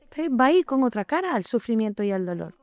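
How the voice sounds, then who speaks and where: A woman co-hosting a podcast, talking in an earnest, measured way and explaining with everyday examples. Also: on the high side, big pitch swings, dry recording. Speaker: podcast co-host. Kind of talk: reflective podcast conversation.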